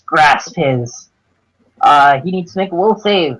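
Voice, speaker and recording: A man plays a tabletop game, laying out his moves in a careful, measured way. He talks slowly, and his voice sits a little high. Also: animated, a bit bright, low-quality recording. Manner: deliberate, measured, explains actions step by step. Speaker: player. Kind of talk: casual tabletop game play.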